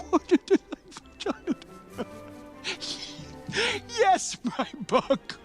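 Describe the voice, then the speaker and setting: An actor playing a giddy, reformed old miser who cackles and giggles breathlessly in a film. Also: male voice, extremely high pitch, animated, extremely slow, soft background music, full character voice. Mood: elated. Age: older. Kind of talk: film acting. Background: film score.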